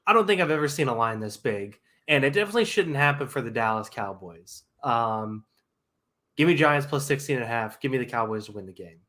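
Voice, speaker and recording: A man's voice: mid-range voice, lively intonation, brisk, bright, forceful tone. A man co-hosting a sports podcast, chatting casually and joking about football. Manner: joking, laughs between points.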